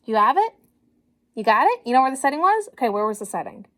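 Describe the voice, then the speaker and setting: Here a woman with a fairly high-pitched voice reads a kids' story aloud in the style of a teacher. She's lively and encouraging and pauses to ask the children questions.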